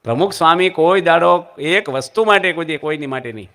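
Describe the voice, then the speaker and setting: A man's voice: fairly high pitch, lively intonation, brisk, bright, forceful tone. A man with a Gujarati accent giving a religious discourse, telling anecdotes with humorous asides to his audience. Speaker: monk preacher.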